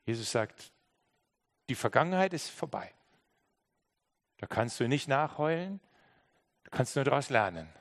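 Pastor preaching with shifting intensity. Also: male voice, mid-range voice, measured pace, long pauses. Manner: lively preaching, mimics excuses, drops to soft intimate tones. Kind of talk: sermon.

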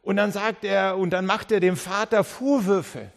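Lively storytelling preacher, man with fairly high voice. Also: measured pace, gravelly. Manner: lively storytelling that acts out the characters; frequent restarts and repeated words. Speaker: pastor. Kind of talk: sermon.

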